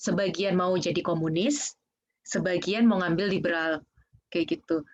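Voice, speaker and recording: A woman's voice: lowish voice, steady tone, normal speed. A woman guest speaker casually explaining Korean culture in an online Q&A, often saying "kayak gitu". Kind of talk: online presentation and Q&A. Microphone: video call. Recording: dull lo-fi video call audio.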